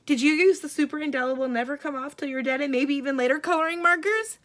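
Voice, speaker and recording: A woman voicing an excitable, easily alarmed mother in a storybook, with exclamatory, dramatic delivery. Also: sits high, fast talker, pitched above the performer's own voice. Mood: suspicious, dismayed.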